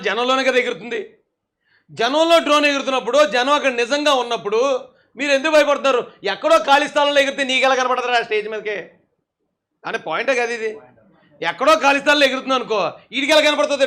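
Sarcastic high-voiced male commentator. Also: fast talker, sharp tone. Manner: sarcastic, scolding, often laughing. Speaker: political commentator. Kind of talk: mocking video commentary.

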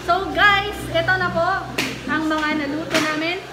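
High-voiced young woman talking through a face mask. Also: steady tone, unhurried. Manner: chatty, mixes English into Filipino. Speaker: vlogger. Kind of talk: casual vlog chat. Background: loud music.

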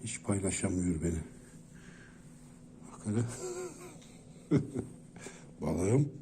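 A man's voice: sits low, takes it slowly, mellow, slight background noise. A man talking to his pet cats at home, coaxing and soothing them with many repeated calls. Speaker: pet owner. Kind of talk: casual talk to pet cats.

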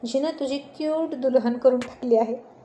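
A woman reading a story aloud and voicing an affectionate middle-aged mother who coaxes her son gently. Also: high-pitched, normal speed, slight background noise, natural voice. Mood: gentle. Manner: gentle, coaxing.

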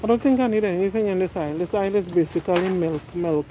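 Holding her phone while she pushes a cart, a middle-aged woman chats with viewers and reads prices aloud inside a large warehouse store. Her voice is on the low side, fast, and dark in tone. The audio is poor, with slight background noise.

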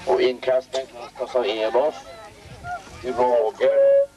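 A man giving live play-by-play commentary on a local football match outdoors, excitedly calling out player names. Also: medium pitch, distant mic, highs cut off.

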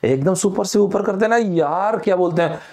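A young Indian man's voice sits high, slightly mellow, and he talks briskly. He's giving a playful online Hindi vocabulary lesson full of energy, voicing himself and his pupils alike and reciting film lines.

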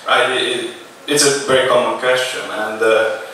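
Filmed from the back of a large, echoey auditorium by a distant camera mic, a thirtysomething man delivers a casual keynote into a handheld mic, hesitating with many "uh" fillers. His medium-pitched voice sounds pushed and bright, with fairly even intonation at a moderate pace, and there's a little hiss or hum.

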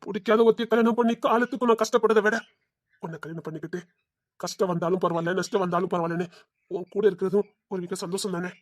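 A woman's voice: mid-range voice, steady tone, fast, no echo, natural voice. A woman voicing a young man who begs and cries for the love of a friend in an audio drama. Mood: persuading. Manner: pleading, crying.

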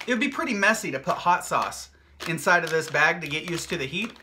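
A man's voice: on the high side, expressive, fairly quick, very noisy. A man hosting his own hot sauce vlog, chatting casually in an upbeat, jokey, rambling way with plenty of fillers. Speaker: hot sauce maker and video host.

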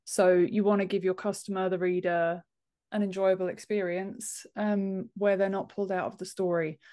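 A woman in her thirties, an author and book formatter, is a podcast guest giving a casual interview explanation over a video call. Her mid-range voice is warm, her manner informal and emphatic. She's indoors in a home office, using an earphone headset.

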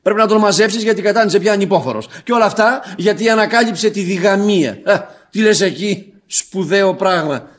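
A man's voice: high voice, hardly any pauses, lightly acted. Sebastian, a man playing a drunk, mocking brother. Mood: teasing, tipsy. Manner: mocking, theatrical. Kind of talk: radio drama acting. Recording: old radio archive recording.

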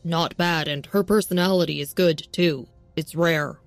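A woman's voice: sits low, steady tone, normal speed, no room sound, faint music behind. A woman voicing a composed, polite young man in a narrated story. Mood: calm.

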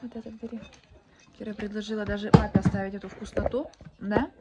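A young mother who vlogs is rambling casually into a phone held at arm's length, indoors in a room at home, full of fillers and restarts. Her mid-range voice is flat and fast, with a noisy background.

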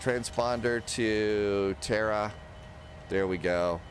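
Older man, lowish voice, cockpit noise. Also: slow. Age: older, 60s. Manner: talks himself through steps aloud. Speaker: flight simulator streamer. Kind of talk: casual instructional commentary while flying a simulator. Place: indoor home streaming setup. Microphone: close desk microphone. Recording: steady aircraft engine noise behind. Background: simulated aircraft cockpit and engine noise.

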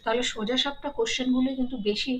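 A woman with a Bengali accent teaching an exam-prep lesson, reading questions out slowly and then explaining the answers briskly. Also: high voice, fairly even intonation, slight background noise, poor audio.

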